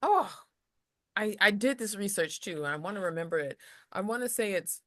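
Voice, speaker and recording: A woman's voice: mid-range voice, animated, normal speed, dry recording, studio quality. A woman casually explaining lesson material as a tutor, rambling a little with restarts and slipping into example voices.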